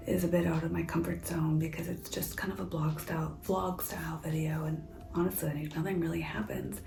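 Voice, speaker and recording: Brief: woman vlogger, hushed half-whisper, rambling casual chat, mellow gravelly voice. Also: fairly low pitch, reverberant, poor audio. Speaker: crafting vlogger. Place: home, indoors.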